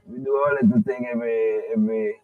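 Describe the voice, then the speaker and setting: A man's voice: mid-range voice, fairly even intonation, no room sound, far from the mic, phone-quality sound. A man hosting a casual radio sports show, asking questions with frequent fillers and restarts. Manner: halting, many fillers, friendly questions.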